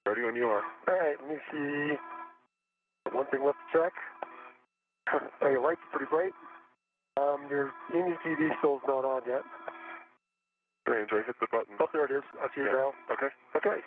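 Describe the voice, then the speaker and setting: An astronaut speaking over a crackly space-to-ground radio link, giving clipped, matter-of-fact checklist callouts. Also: male voice, medium pitch, normal speed, long pauses. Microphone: headset in a spacesuit helmet. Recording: tinny noisy radio transmission.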